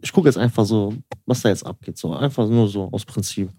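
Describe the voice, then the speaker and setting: A man's voice: on the low side, fairly quick, dark tone, no echo. A young man rambling through a story in casual podcast chat, packed with filler words, acting out both sides of the dialogue. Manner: rambling, lots of filler tags like "so" and "ne"; acts out dialogue in quotes. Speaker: podcast co-host.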